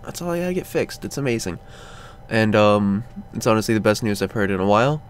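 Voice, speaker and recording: A man's voice: fairly low pitch, lively intonation, a little fast, clean tone. A man who just woke up, talking drowsily and rambling through a casual vlog update from a cold room at home. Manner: drowsy and rambling, lots of ums and sighs. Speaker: vlogger.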